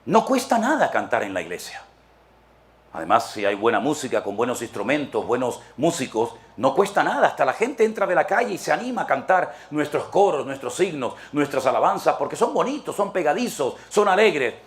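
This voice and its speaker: A man's voice: a little high, big pitch swings, fairly quick. A male pastor preaching a sermon in a church in a rhetorical, emphatic way. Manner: rhetorical, emphatic, acts out the people he describes.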